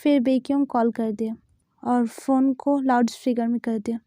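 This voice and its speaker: A woman narrating a fan-fiction story in a plain, steady reading voice. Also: on the high side, moderate pace, no room sound, studio quality.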